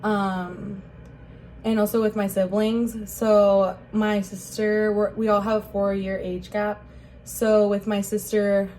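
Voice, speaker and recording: A young woman from Rockford, Illinois, USA, recalls her life story in a casual interview, hesitating often and filling gaps with "like" and "um." Her mid-range voice is dark in tone and barely moves in pitch, and she speaks slowly. A little hiss or hum sits under the recording.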